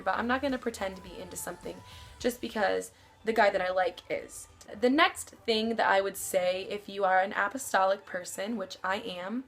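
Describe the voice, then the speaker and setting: A young female vlogger, her voice a bit deeper than you'd expect for her age, wanders through casual advice aimed right at the camera. Fillers crowd every gap in her chatty, rambling talk, and she never really settles on a point. Soft, faint music sits underneath.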